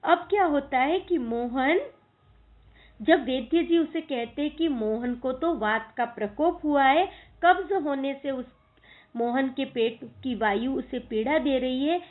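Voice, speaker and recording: A woman's voice: sits high, a little slow. A woman teacher retelling a school play for her students, explaining hard words as she goes. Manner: storytelling with glosses of words. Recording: tinny phone-like recording.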